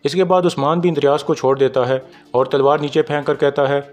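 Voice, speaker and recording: A man's voice: on the high side, fast. Pakistani man narrating a drama recap. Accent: Pakistani Urdu. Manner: steady storytelling, reads out characters' lines in his own voice. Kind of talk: scripted narration. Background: faint background music.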